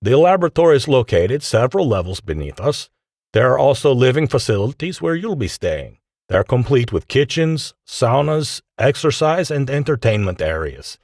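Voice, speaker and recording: Gracious Russian project leader in his fifties, as a narrator puts him on, heavy accent, formal, lively delivery, dry close sound. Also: medium pitch, normal speed, dry recording, pitched above the performer's own voice. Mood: courteous. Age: 50s. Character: mid-fifties Russian lead scientist, courteous host.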